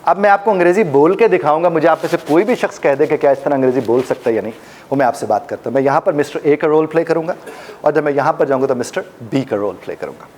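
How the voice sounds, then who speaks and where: A man's voice: a little high, fast, darkish tone, slight background noise. A man teaching a live workshop audience, demonstrating pronunciations and joking with the room. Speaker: life coach and trainer.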